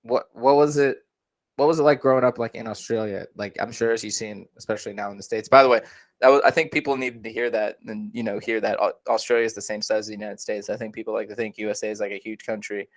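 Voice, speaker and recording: A man's voice: on the low side, fairly even intonation, fast talker. A young man hosting a podcast, talking eagerly and rambling with frequent fillers and restarts. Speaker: podcast host. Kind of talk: casual interview chat.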